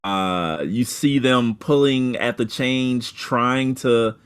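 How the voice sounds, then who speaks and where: A man acts as game master for a tabletop game, narrating in a smooth, medium-pitched voice. His delivery is halting, with many fillers and restarts.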